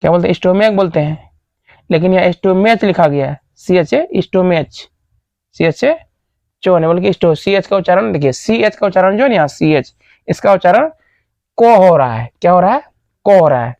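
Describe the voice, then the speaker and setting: A man gives a grammar lesson in a gravelly voice, spelling out words letter by letter. He keeps asking questions and answering them himself. The recording is dry and dull, like a cheap close mic. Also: high voice, expressive, brisk, darkish tone, no echo. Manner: asks the class questions, then answers them. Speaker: teacher.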